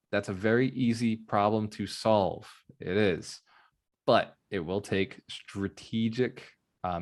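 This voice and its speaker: Upbeat low-voiced man hosting a call. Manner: upbeat, rambling, with fillers like "man" and "you know". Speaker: host and real estate mentor. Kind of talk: live online Q&A call.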